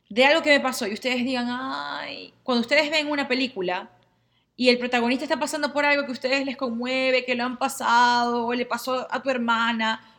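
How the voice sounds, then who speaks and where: Mujer animada de voz brillante. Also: female voice, on the high side. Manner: lively, acts out little dialogues in quotes. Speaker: astrologer and therapy teacher. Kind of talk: casual explainer to viewers.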